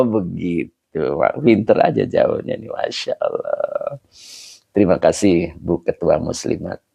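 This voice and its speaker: A male preacher winds down his online study session, reading out viewer names and comments in a relaxed, joking way. His voice is deep and gravelly, with a dark, mellow tone. It sounds dry and close, with no room around it. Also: no echo. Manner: chatty, laughing, switches between Indonesian, Javanese, Sundanese and Arabic. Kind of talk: casual livestream closing, reading comments aloud.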